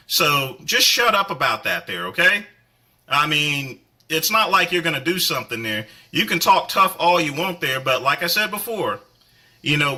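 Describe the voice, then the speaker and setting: A man from North Carolina rants straight at the camera in a combative, scolding voice. His tone is piercingly bright and sits a little high for a man. He keeps tacking a stray "there" onto his sentences. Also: rough recording. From North Carolina, USA. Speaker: online commentator. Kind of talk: angry direct-to-camera rant.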